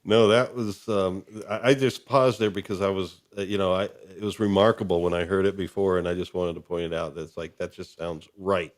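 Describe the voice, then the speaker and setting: A low-voiced man hosts a podcast in casual chat. He keeps things easygoing and chuckles between his remarks. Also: steady tone, a little fast, few pauses. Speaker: podcast host.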